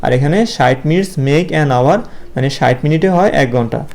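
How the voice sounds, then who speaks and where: A man with a Bangladeshi Bengali accent teaching a video lesson to young pupils. He explains slowly and patiently, asks his own questions and answers them, with many filler pauses. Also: a little high, darkish tone.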